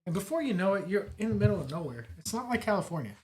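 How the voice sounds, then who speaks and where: A man's voice: sits high, very animated, racing, a little mellow, a little hiss or hum. A middle-aged man from Texas telling stories as a podcast co-host, laid-back and swearing freely. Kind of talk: casual chat, storytelling.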